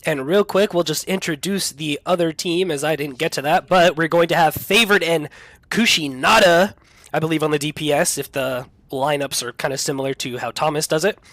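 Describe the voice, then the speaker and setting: A man's voice: a little high, brisk, fairly bright tone, dry recording. A man casting a college esports final, upbeat and hyping up each player, a little under the weather. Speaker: play-by-play caster. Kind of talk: esports commentary.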